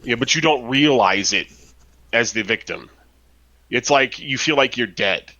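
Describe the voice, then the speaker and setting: A man's voice: medium pitch, expressive, a little slow, bright, forceful tone, low-quality recording. A man chatting casually on a podcast about a role-playing game, rambling with lots of fillers and tag questions. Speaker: podcast co-host.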